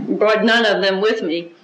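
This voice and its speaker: A woman giving an oral history interview, recounting events in a measured, reflective way with small restarts. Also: mid-range voice, a bit bright. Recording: roomy, dull-sounding recording.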